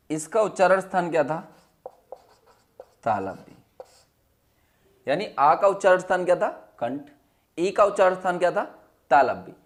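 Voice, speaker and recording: A male teacher with a fairly high voice leads a lesson, asking questions over and over and repeating each answer. His voice sinks low and quiet whenever he gives the answer. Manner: drops to a low, quiet voice when giving the answers. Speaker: Hindi teacher. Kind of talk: classroom lesson.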